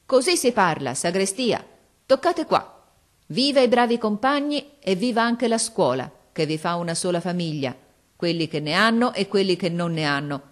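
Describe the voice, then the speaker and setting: A woman voicing a hearty, boisterous middle-aged working-class father who talks loudly and jovially, like someone raising a toast. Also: on the low side, moderate pace, lightly acted. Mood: exultant.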